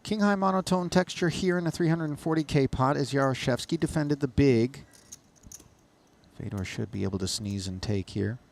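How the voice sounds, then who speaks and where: Gravelly man doing florid poker commentary. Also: mid-range voice, normal speed. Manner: wordy, florid phrasing.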